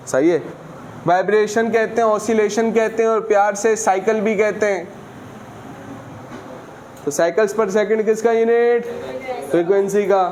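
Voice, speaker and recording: Question-and-answer physics teacher. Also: male voice, high-pitched, a little mellow, a little hiss or hum. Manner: asks students questions and answers them himself. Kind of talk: classroom lecture.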